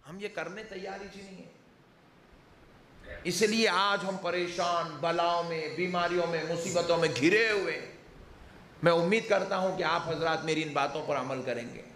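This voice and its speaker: A man's voice: fairly high pitch, fairly even intonation, normal speed, fairly bright tone, reverberant, slight background noise. A man preaching a sermon in a mocking, joking way. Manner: jokey, mocking, acts out people's sayings. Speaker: Islamic preacher.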